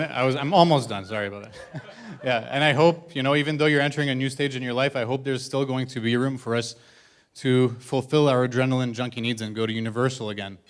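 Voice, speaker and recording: A man giving a best man's toast at a wedding reception, joking and self-deprecating as he teases the groom. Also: medium pitch.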